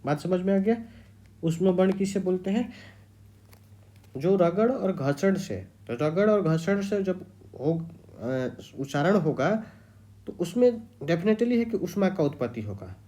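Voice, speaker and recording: Slow, lively teacher. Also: medium pitch. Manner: repeats key terms and quizzes the students. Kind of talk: exam-prep grammar lecture.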